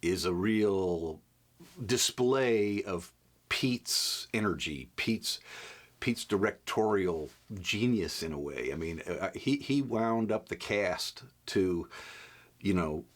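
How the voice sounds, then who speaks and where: Animated man telling a profane story. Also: low voice, slow pace. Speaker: actor interviewee. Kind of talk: anecdote in an interview.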